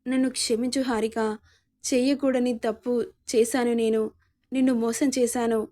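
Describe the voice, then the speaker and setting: A woman's voice: on the high side, flat delivery, moderate pace, mellow, lightly acted. A woman voicing a distraught, guilt-ridden young husband in a storybook reading, pleading and remorseful.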